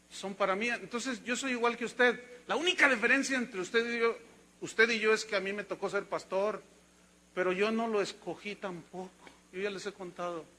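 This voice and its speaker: Bright-voiced Mexican pastor preaching. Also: male voice, high-pitched. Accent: Mexican Spanish. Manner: conversational, teasing and emphatic preaching. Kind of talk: sermon.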